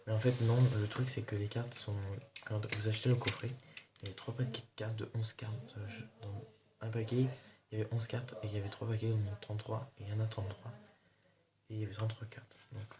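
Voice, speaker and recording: Low flat-voiced man vlogging. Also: fast talker. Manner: rambling, hesitant, many fillers. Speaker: vlogger showing purchases. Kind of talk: casual haul video. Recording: noisy home recording.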